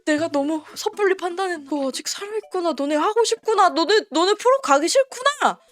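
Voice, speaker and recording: A woman streaming a live football match reaction, emotional and swearing, yelling at the players. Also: very high voice, lively intonation, brisk, faint music behind.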